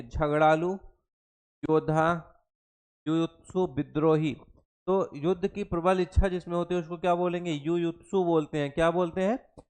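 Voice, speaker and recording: A young male teacher runs an exam-prep Hindi lesson, mixing English terms into his Hindi. He repeats each definition several times and keeps quizzing his students. His voice is smooth and clear, pitched a little high for a man. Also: darkish tone. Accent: Hindi with English terms mixed in. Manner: repeats each definition, asks the class questions.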